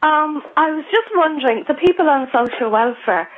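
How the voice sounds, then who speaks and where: A woman's voice: sits high, lively intonation, moderate pace, slight background noise. A woman with an Irish accent giving her opinion as a caller on a radio phone-in. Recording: tinny phone line on radio.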